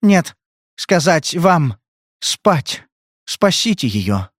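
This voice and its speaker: A man voicing a drugged, frightened young woman who speaks in halting, broken phrases in an audiobook. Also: a little high, big pitch swings, fairly bright tone, dry recording, studio quality, voice pushed up, full character voice. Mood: drowsy pleading. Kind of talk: audiobook character reading.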